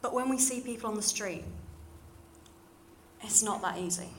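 A young woman with a modern southern British accent, lightly RP, delivers a prepared church talk. Her voice sits at a middling pitch, and she phrases things earnestly, with deliberate pauses. Some background noise runs under the recording. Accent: modern southern British, slightly RP. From London, England. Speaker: church group volunteer giving a testimony.

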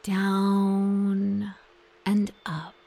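Slow, soft-spoken meditation guide woman. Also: medium pitch, completely flat delivery, creaky. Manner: slow, soft, soothing, half-whispered at times. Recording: soft music behind the voice.

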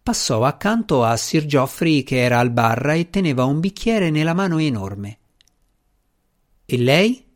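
A man reading a novel aloud as narrator in a steady, literary way. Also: on the high side, normal speed, few pauses. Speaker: audiobook narrator. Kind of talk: scripted narration.

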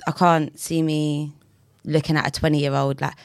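A woman's voice: sits low, level tone, moderate pace, vocal fry, no echo. London woman in her twenties, dry sound. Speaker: podcast guest. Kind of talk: casual chat in London street slang.

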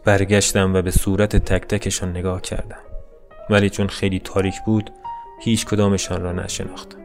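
A man narrating a short story in a measured, subdued reading. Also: deep voice, flat delivery, faint music behind.

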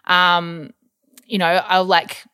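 A woman's voice: fairly low pitch, completely flat delivery, takes it slowly, sharp tone, clean tone. A young Australian woman chatting casually as an interview guest, with lots of ums and likes. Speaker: guest, model and influencer.

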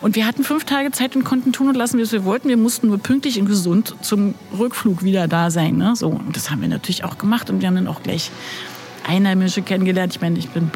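Speaking quickly in a somewhat mellow, mid-range voice, a woman from Berlin shares stories as a guest in a relaxed interview. She used to be a flight attendant and chats freely, using plenty of filler words.

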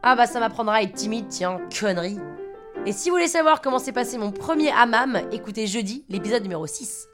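A woman with a Parisian accent tells her own story in a wry, self-mocking, conversational way. Her voice sits fairly high and moves easily between quick asides and slower phrases. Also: animated, music in the background. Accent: Parisian French. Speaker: podcast storyteller. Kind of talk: scripted personal narration.

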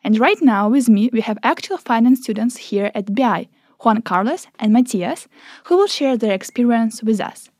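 A young woman from Ukraine hosting a podcast in a studio, asking clear, friendly questions. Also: on the high side, expressive, moderate pace, darkish tone, dry recording. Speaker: podcast host. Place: small studio.

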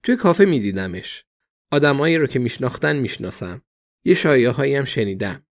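A guarded former boxer dodges questions with short, clipped replies, as a male narrator reads him. The voice sits at an ordinary middle pitch and stays close to the reader's own. It sounds like a plainly read storybook. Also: very animated. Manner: curt, deflecting replies.

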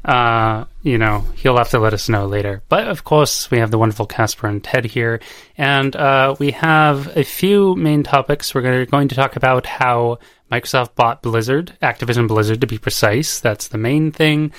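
A man's voice: mid-range voice, normal speed, fairly bright tone, no room sound, studio quality. A man hosting a casual podcast chat, out of breath and rambling, laughing often. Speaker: podcast host. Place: home.

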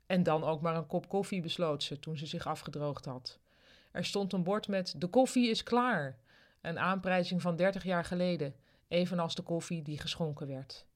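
A narrator reading a serialized office story in an even, dry manner. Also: medium pitch, moderate pace. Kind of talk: scripted narration.

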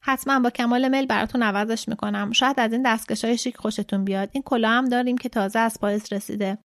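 A woman voicing a proud, hurt young shop assistant who talks in a husky, hurried way in a storybook reading. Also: on the high side, steady tone, no echo, clean studio sound, lightly acted. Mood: polite.

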